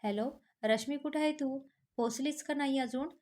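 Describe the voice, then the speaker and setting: A woman's voice: high-pitched, moderate pace, a little mellow, natural voice. A woman voicing a worried young woman asking nonstop questions on the phone.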